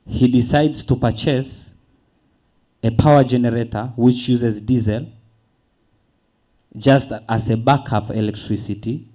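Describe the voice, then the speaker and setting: A man from Tanzania, speaking earnestly on a conference panel, posing rhetorical questions and slowing to stress key words. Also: medium pitch, warm tone, poor audio.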